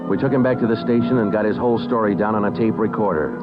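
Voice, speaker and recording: A man's voice: on the low side, quick pace, close to an everyday voice. An American man playing a stoic police detective narrating his case in a clipped, matter-of-fact way in a 1950s radio crime drama. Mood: businesslike, deadpan. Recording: muffled vintage radio recording with music.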